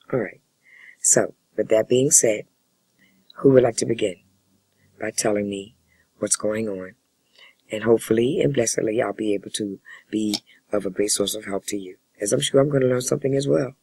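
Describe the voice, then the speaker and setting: A man speaking as a family therapist in a role-play session, with a husky voice and measured, formal, wordy phrasing. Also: on the low side, mellow, no echo, poor audio. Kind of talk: spoken counseling role-play demonstration.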